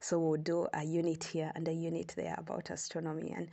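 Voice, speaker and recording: A woman from Uganda, an astronomer, telling her story as a podcast guest in an unhurried, easygoing way. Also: deep voice, completely flat delivery, gravelly, dark tone. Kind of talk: podcast interview.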